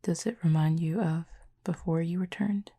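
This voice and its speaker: A lowish, hushed, breathy voice carries this woman's portrayal of a cupid, reserved, calm and quietly affectionate, in an intimate audio roleplay. She speaks softly, with formal, measured phrases and a light teasing touch.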